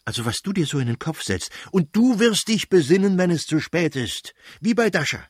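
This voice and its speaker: A man's voice: high-pitched, sing-song, slightly rough, no room sound, studio quality, pitched above the performer's own voice, exaggerated voice. A man voicing a hot-tempered elderly prince who scolds his wife in scornful outbursts, in a reading of a novel. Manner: blustering, scornful, quick outbursts.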